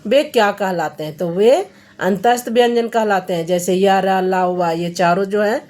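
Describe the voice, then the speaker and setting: A woman's voice: medium pitch, normal speed, a little mellow. A woman teacher going through Hindi grammar questions for students, reading each question and then patiently explaining the answer.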